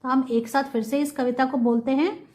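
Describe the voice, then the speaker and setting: A woman kindergarten teacher telling a story and reciting a poem for children, sounding out words in a slow sing-song way. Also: high voice, fairly even intonation, darkish tone.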